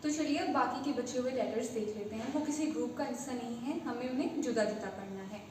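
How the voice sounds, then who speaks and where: A woman's voice: a little high, fairly quick, a little mellow. A woman teaching a patient beginner language lesson, repeating each letter name step by step. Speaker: Urdu teacher. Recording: echoey room from a distance with faint noise.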